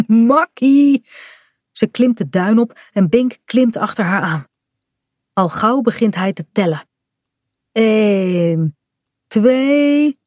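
Woman storyteller, slow unhurried read, clear and gentle. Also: medium pitch, lively intonation, no room sound, studio quality. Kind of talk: reading a children's story aloud.

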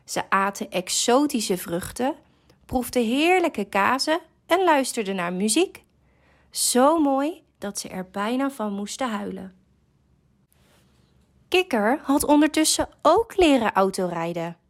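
Nederlandse vrouw die langzaam voorleest. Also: female voice, a little high. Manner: slow, expressive, gentle. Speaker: storyteller. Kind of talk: children's story reading.

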